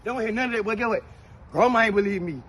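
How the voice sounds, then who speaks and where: High-voiced young man ranting brashly. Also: fast talker, crowd noise. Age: 20s. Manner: loud boastful ranting, heavy profanity. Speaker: comedy skit performer. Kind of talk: brash comedic skit ranting.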